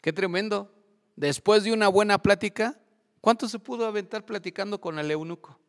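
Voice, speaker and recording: Pastor preaching in a reverberant hall. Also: male voice, high voice, moderate pace. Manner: quizzes the congregation with call-and-response questions. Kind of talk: sermon. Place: church service.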